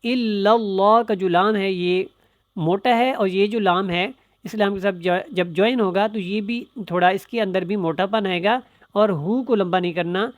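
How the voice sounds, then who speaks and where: Man teaching Quran recitation, smooth voice. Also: sits high, no echo, clean studio sound. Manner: brisk explaining voice, breaking into slow chanted recitation.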